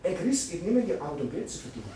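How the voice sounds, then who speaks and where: A man preaching a live church sermon, emphatic and repetitive, with sudden loud bursts. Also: fairly high pitch, very animated, rapid-fire, a little hiss or hum. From Austria. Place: church hall. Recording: echoey hall, mic from far off.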